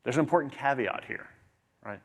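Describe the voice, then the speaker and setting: A man's voice: medium pitch, a little fast. A man speaking on stage at a conference, presenting to fellow professionals in a conversational way and often checking in with tag questions.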